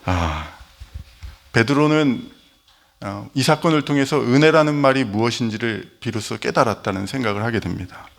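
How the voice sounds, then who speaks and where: A pastor from Jeolla preaching a sermon to young people, telling the story with animation and acting out the quotes. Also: male voice, medium pitch, animated, normal speed, gravelly. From Jeolla, Korea.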